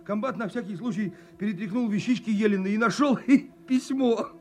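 An actor playing a timid, chattering young conscript who stammers eagerly. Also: male voice, high voice, normal speed. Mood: eager, flustered.

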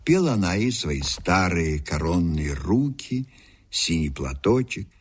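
Husky low-voiced male documentary narrator. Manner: measured, expressive storytelling delivery.

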